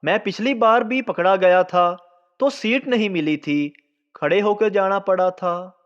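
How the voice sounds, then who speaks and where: A man doing a deadpan scheming Sardar. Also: sits high, a little slow, lo-fi sound. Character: scheming male Sardar joke character.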